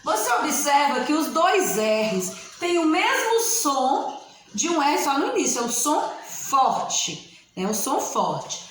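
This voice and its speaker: Woman teacher, slightly high voice, slow and patient at the board; very roomy echo. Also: big pitch swings, fairly bright tone, a little hiss or hum. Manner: slow, patient, repeats each word. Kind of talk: spelling lesson at a board.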